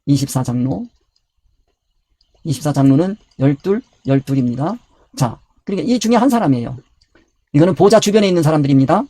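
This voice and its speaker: Male preacher, slightly high and husky, who asks and answers his own questions. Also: animated, brisk, pauses often, mellow. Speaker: pastor. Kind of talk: Bible study sermon.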